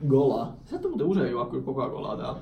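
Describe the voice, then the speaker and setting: A man's voice: medium pitch, wildly swooping pitch, vocal fry, echoey room, recorded from a distance, dull audio, slight background noise. A man co-hosting a casual podcast from an office, rambling, laughing often and dropping in English phrases. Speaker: podcast co-host.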